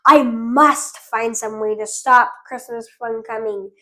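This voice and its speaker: A woman's voice: fairly high pitch, steady tone, takes it slowly, bright, forceful tone. A woman voicing a grumpy, scheming male creature who hates Christmas, in a storybook read-aloud. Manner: snarling, scheming.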